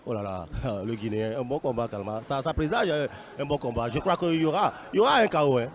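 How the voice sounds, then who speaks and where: A man's voice: mid-range voice, animated, fast talker, slight background noise. A man commentating live on a fight, unscripted, hesitating and repeating phrases as he goes.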